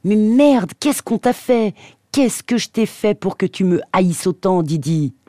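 Guy reading out a hurt teen boy, pitched up, heated, dark dry tone. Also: fast, no room sound. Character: angry hurt teenage boy.

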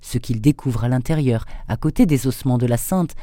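A man presenting and reading a thriller excerpt aloud in a measured, steady narration. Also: mid-range voice. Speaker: radio book reader and presenter.

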